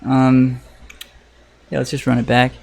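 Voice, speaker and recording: A man streams his card game with casual, live commentary. His mid-pitched voice has a lot of vocal fry. He talks conversationally, reasoning out loud as he plays, and an electric fan runs in the background. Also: monotone, unhurried. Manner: thinking aloud, conversational. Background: electric fan running.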